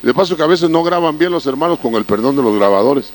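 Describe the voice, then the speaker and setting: A man's voice: fairly high pitch, animated, fast talker. A male preacher telling folksy personal stories in a sermon, often calling his listeners brother. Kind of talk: sermon storytelling.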